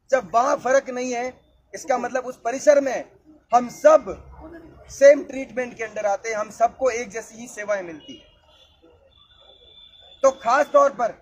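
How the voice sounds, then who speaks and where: A man in his twenties giving a booming political rally speech as a student candidate, emphatic and exhorting. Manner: emphatic, exhorting, addressing a crowd. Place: outdoors in a campus yard before a standing crowd. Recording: noisy outdoor crowd gathering.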